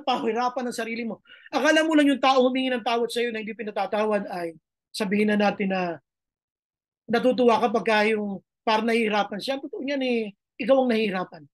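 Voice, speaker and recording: A woman's voice: on the high side, fairly quick. A woman pastor preaching a sermon, emphatic and repeating her phrases. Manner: mixes Tagalog and English, emphatic, repeats phrases.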